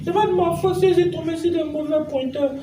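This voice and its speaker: A woman's voice: very high voice, fairly quick, reverberant, recorded from a distance, background noise. A young woman in a comedy sketch playing a daughter who pleads with and complains to her father. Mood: indignant.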